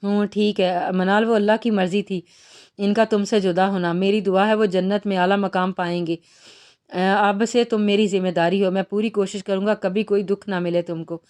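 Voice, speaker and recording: Woman reading young major, teasing, tender, audio novel, mid-pitched voice. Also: steady tone, normal speed, a little mellow, natural voice. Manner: teasing, affectionate.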